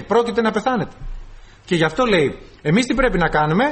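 High-voiced Greek-speaking preacher man. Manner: acts out short dialogues with the flesh; addresses the congregation as brothers. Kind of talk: sermon.

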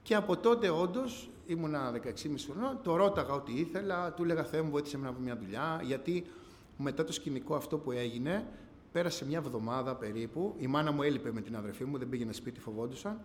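A man with a fairly high voice gives a heartfelt church testimony, with sudden swells and drops in his delivery. His voice rings through a large hall with a long echo, and a faint hum sits behind it. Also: expressive. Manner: earnest storytelling with quick rises and drops in pitch and loudness. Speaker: speaker giving a testimony. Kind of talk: personal testimony to a church gathering. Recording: long hall reverb, faint background noise.

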